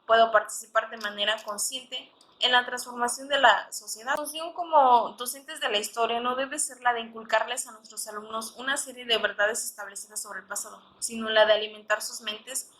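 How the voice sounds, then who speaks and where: A woman's voice: on the high side, a little fast, fairly bright tone, slight background noise. A woman panelist reading a prepared academic text in a formal way, sometimes stumbling over words. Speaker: panelist, history teacher.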